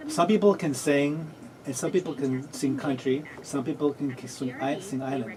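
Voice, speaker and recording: A man's voice: medium pitch, steady tone, normal speed, crowd noise. A man hosting a casual chat, rambling along with fillers and restarts. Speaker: host.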